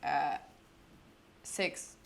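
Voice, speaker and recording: A woman's voice: extremely slow, a little hiss or hum. A woman playing a tabletop game, thinking through rolls and numbers aloud in a hesitant way. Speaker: player.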